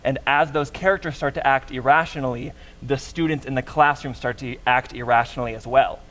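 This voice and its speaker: A man from Arizona with a mid-pitched voice answers audience questions about the play. He explains at length in a thoughtful, explanatory way, as an actor talking about his own scene. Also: fairly even intonation, brisk, fairly bright tone.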